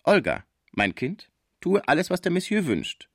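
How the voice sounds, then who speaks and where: A man's voice: fairly low pitch, big pitch swings, normal speed, dry recording, clean studio sound. A man reading aloud, voicing a stern working-class mother who works as a doorkeeper. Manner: sharp, stern commands.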